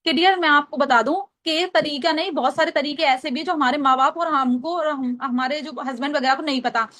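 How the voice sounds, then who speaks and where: A woman's voice: high-pitched, brisk, fairly bright tone. A young woman with an Agra Hindi accent trains a team on invitation calls, acting out sample calls and repeating lines so listeners can write them down. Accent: Hindi, from Agra, Uttar Pradesh. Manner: explains step by step, repeats lines for note-taking. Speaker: trainer teaching call scripts. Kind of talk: casual training talk with role-played calls.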